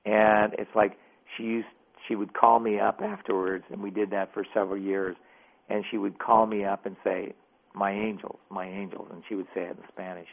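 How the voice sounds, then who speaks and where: A man calling in to a radio show, telling stories in an animated, casual way. His low voice has a gravelly edge, and it is squeezed through a thin, tinny phone line. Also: normal speed. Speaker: author, radio guest. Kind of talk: phone-in interview storytelling. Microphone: telephone.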